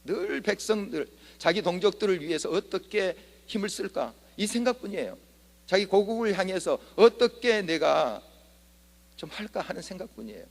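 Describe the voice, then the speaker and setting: A man's voice: sits high, sing-song, moderate pace, creaky. A male pastor preaching a sermon to his congregation, earnest, asking rhetorical questions and voicing quoted prayers. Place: church sanctuary. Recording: long church hall reverb.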